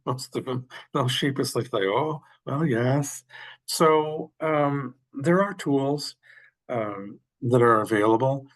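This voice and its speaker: A man giving a workshop over a video call, answering questions with halting speech and frequent fillers. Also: medium pitch. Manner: halting, many fillers and restarts. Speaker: workshop presenter. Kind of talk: webinar Q&A.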